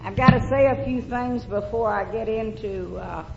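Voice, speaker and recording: A woman speaks to a meeting in a sultry voice, roughened by a cold and sore throat. Her manner is teasing and plain-spoken. The sound is dull, with hall reverb and some background hiss. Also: on the high side, moderate pace, darkish tone. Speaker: invited speaker at recovery meeting. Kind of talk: live speech to an audience. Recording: echoey hall, dull noisy old tape.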